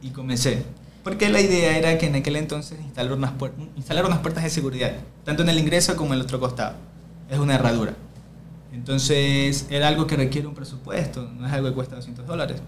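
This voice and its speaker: Un hombre joven con acento ecuatoriano, líder comunitario, que cuenta anécdotas en una charla informal de podcast, imitando los diálogos. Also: male voice, mid-range voice, quick pace, slight background noise. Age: young adult. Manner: animated storyteller, acting out dialogue. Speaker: community leader. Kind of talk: casual podcast conversation.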